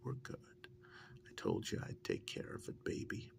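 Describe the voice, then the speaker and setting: Soothing in mood, a man plays an affectionate, wry partner looking back on memories in a soft-spoken ASMR role-play. His lightly acted delivery is breathy, halting, and musing, frequently slipping into a whisper.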